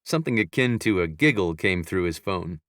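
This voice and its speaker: A man narrating a romance audiobook in a calm, measured way, recorded close in a booth. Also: deep voice, dry recording.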